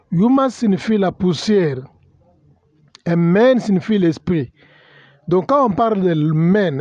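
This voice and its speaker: The recording is muffled with no room sound, carrying a man's high, mellow voice. He is a pastor raised bilingual in English and French, teaching a sermon full of hesitation, fillers and self-corrections, spelling words out and dropping in English terms.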